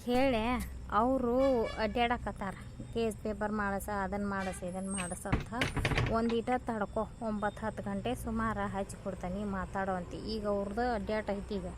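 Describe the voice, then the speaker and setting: A woman with a North Karnataka Kannada accent voicing a calm older village father-in-law who brushes off worries in a cartoon. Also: medium pitch, unhurried, background noise, lightly acted. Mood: reassuring.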